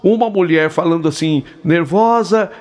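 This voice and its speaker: Brief: Brazilian male storyteller, higher voice, suspenseful pacing, talks to listeners directly. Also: a little mellow. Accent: Brazilian Portuguese. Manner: slow, suspenseful pauses, direct address to listeners. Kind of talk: first-person spooky story narration.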